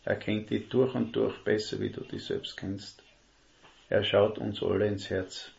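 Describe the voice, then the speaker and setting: A man preaching a sermon, earnest and emphatic, slowing down to stress key words. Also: lowish voice, little pitch movement, gravelly, darkish tone. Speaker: lay preacher. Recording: dull lo-fi recording.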